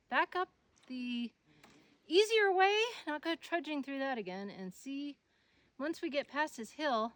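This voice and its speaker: A woman with a fairly high, bright voice talks her way along a mountain hillside. She muses aloud as she walks, sounding tired and hot, and the camera follows her as it records. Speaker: host of a Bigfoot investigation channel. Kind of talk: casual chat while hiking.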